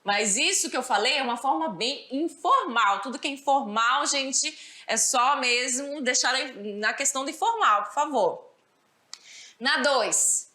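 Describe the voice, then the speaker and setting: A woman's voice: sits high, measured pace, bright, forceful tone, reverberant. A woman with a Brazilian Portuguese accent teaching an English grammar lesson, explaining step by step and often checking understanding with "certo?". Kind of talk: recorded school lesson.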